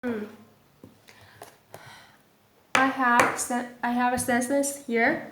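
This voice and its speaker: A woman with a Vietnamese accent teaching a pronunciation lesson, slow and careful, repeating each sound aloud. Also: on the high side, level tone, reverberant, very noisy. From southern Vietnam. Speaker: language teacher.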